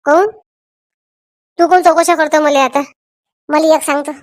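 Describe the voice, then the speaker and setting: A woman voicing a sharp, bossy older village mother in a cartoon. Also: high-pitched, steady tone, measured pace, no echo, clean studio sound. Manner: questioning, bossy.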